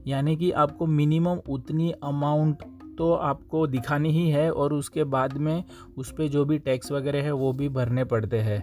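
A chatty young man talks his viewers through a ride on city streets in an easygoing vlog style. His voice sits a little high, with a light music bed playing softly underneath. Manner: chatty, addresses viewers as friends. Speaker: vlogger. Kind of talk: casual travel vlog narration. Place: riding a motorbike through city streets outdoors.

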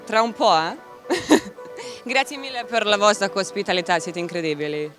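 Bright-voiced young Serbian-accented woman. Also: medium pitch, moderate pace, faint music behind. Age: young adult. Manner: non-native, slightly broken grammar. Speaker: model agency head and model. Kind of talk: casual on-the-street interview answers. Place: outdoor café street at night. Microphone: handheld interview microphone.

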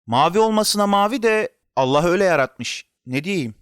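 A friendly, plain-spoken greengrocer, read by a male narrator, folksy and shrugging in manner. His voice lifts with lively inflection, recorded dry and close in a storybook reading. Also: sits high, normal speed, clean tone, no echo, pitched above the performer's own voice. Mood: puzzled.

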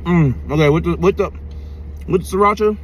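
A man's voice: high-pitched, brisk, dull audio, slight background noise. A man reviewing food in a casual vlog, talking slangily and thinking aloud while he chews with his mouth full. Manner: slangy, laid-back, thinking aloud between bites.

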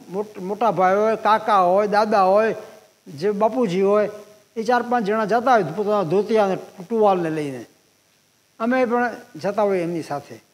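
High-voiced man in his eighties. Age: 80s. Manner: unhurried anecdotal storytelling, pausing and repeating phrases. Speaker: guest speaker at a public talk. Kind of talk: storytelling talk to an audience. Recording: long hall reverb.

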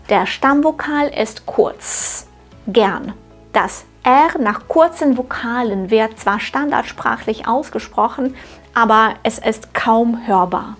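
A woman coaching German pronunciation in a scripted lesson, slowly demonstrating sounds with careful, clear articulation and speaking directly to the learner. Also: a little high. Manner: clear, encouraging teacher address to the learner.

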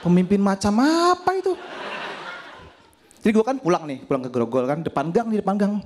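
A young man with a Jakarta accent tells stand-up stories on a stage. His voice sits a little high and swings widely, leaping up for the punchlines. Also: a little fast, a little hiss or hum. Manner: animated storytelling, voice jumps up for punchlines. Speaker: stand-up comedy contestant. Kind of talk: stand-up comedy routine. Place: stage before a studio audience.

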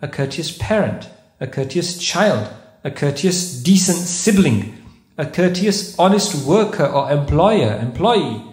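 A guest speaker at a mosque conference delivers a sermon-like lecture, asking the audience questions and reciting verses in Arabic. Slightly high and darkish, his voice rises and falls widely at a measured pace, echoing around the carpeted indoor prayer hall.

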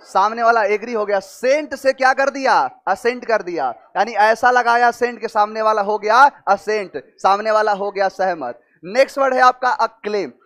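Male tutor, very high voice, drills word meanings with questions. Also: normal speed, hardly any pauses, a bit bright. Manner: explains with repeated questions to students. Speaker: teacher. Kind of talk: vocabulary lesson with memory tricks.

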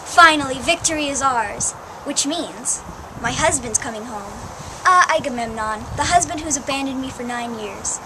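A woman's voice: high-pitched, expressive, moderate pace. Clytemnestra, a young woman playing a cackling scheming queen. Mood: gloating. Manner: exaggerated, sarcastic, cackling. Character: scheming vengeful queen, a wife. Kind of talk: amateur school skit acting. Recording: roomy, distant camera mic, noisy.

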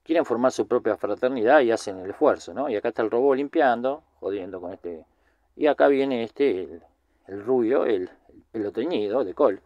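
Male film commentator, Rioplatense accent, mid-pitched, rambling casual recap, dry room. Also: expressive, normal speed, no echo, lo-fi sound. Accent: Rioplatense Spanish. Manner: rambling, chatty, many filler words.

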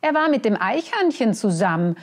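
Smug gossipy crow, read by a woman, needling, children's storybook, slightly raised pitch. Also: sing-song, normal speed. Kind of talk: children's picture book read aloud.

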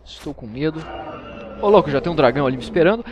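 Joking Brazilian gaming host. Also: male voice, fairly high pitch, animated, fast talker, lo-fi sound, a crowd in the background. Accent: Brazilian Portuguese. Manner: joking, exclamatory, chatty with viewers. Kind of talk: comic let's play commentary.

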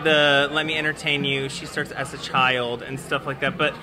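A man interviewing a guest with a handheld mic in a busy restaurant, gushing and effusive. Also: flat delivery. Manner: gushing, effusive, quick swings in pitch. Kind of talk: casual interview chat. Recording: crowded restaurant chatter behind. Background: restaurant crowd chatter.

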